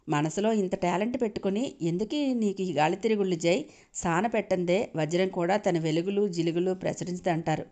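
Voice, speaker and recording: Woman, storyteller, expressive, scripted audio drama narration. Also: lowish voice. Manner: expressive, reads all the parts.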